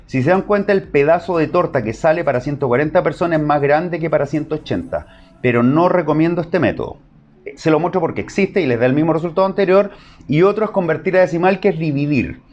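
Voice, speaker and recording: A man's voice: on the high side, animated, quick pace, a little mellow, dull audio, a little hiss or hum. A man with a Chilean accent teaching an online math class, explaining step by step and checking in with short questions.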